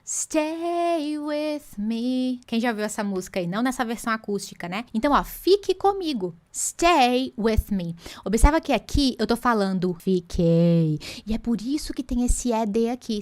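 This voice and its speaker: A Portuguese-speaking woman teaching an online English lesson, lively and playful, slowing phrases down to show them. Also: on the high side.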